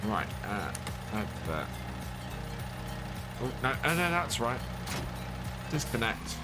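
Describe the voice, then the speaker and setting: With a mid-range voice that swings widely in pitch, a streamer takes it slowly as he chats casually with his live chat during a farming game. He thanks followers and answers questions as he plays, with game music in the background.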